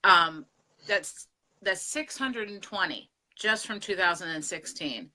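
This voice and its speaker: A middle-aged woman from Pennsylvania co-hosting a casual vlog conversation, candid and animated. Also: fairly low pitch, measured pace. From Pennsylvania, USA. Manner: candid, animated storytelling with laughs. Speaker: co-host.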